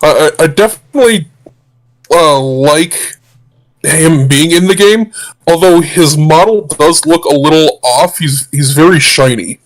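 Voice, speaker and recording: A man's voice: fairly high pitch, measured pace, low-quality recording. A man co-hosting a casual livestream chat through a voice changer, talking keenly with frequent restarts. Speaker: co-host.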